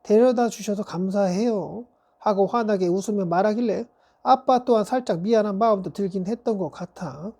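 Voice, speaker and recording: A woman's voice: medium pitch, brisk, mellow. A woman narrating a family story in a casual, conversational way, asking the listener questions.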